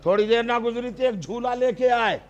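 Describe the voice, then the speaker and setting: A middle-aged man preaching a passionate religious sermon, firing rhetorical questions at a seated audience, swinging from quiet asides to shouted climaxes. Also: highs cut off. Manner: drops to low, intimate asides between outbursts. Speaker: Shia cleric preaching a majlis.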